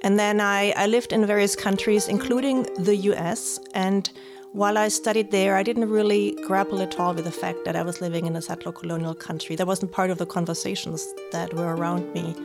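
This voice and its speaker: A woman's voice: mid-range voice, level tone, a little fast, vocal fry. A woman in her fifties from Germany, a political science professor, speaking in a thoughtful, earnest way in a podcast interview. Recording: music playing underneath.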